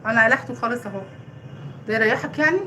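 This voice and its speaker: Egyptian mother on a live stream, fast and high-voiced, overpronounces each letter for her kid, noisy home phone audio. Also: pushed and bright. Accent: Egyptian Arabic. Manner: drills letter sounds with exaggerated, emphatic pronunciation. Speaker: mother tutoring her child. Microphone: phone livestream.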